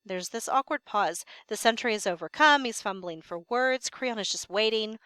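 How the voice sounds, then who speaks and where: A woman's voice: mid-range voice, moderate pace, sharp tone, clean tone, no room sound. A woman teacher explaining a play to her students while reading it aloud, in a patient, explanatory manner.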